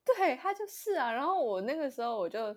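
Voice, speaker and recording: Young woman podcast co-host, casual storytelling, slightly high voice, animated and quick to laugh. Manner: animated, laughs often, acts out quoted voices.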